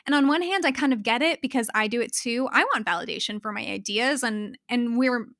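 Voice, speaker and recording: Woman guest, passionate and animated, bright tense voice, dry close sound, stumbles and restarts when excited. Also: on the high side, brisk, no room sound. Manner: passionate, animated, laughs often; self-correcting restarts when worked up. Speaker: guest, fashion brand founder. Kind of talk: conversational podcast interview.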